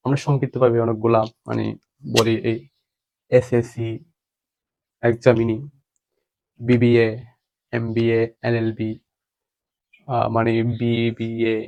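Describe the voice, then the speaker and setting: A man's voice: medium pitch, monotone, a little slow, pauses often, dark tone. A man teaching a grammar lesson, asking questions and answering them himself.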